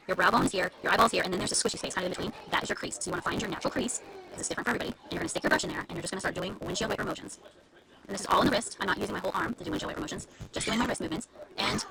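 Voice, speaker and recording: A woman's voice: medium pitch, vocal fry, heavy background noise. A woman beauty influencer giving a chatty, step-by-step live makeup tutorial at home. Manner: chatty, explains step by step in detail. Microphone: live-stream camera mic.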